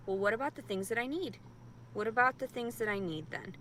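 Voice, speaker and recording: A woman's voice: a little high, a little fast, fairly bright tone, a little hiss or hum. A distressed woman ranting tearfully and repetitively to her camera in a vlog, in pain and upset. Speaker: vlogger. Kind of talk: emotional vlog rant.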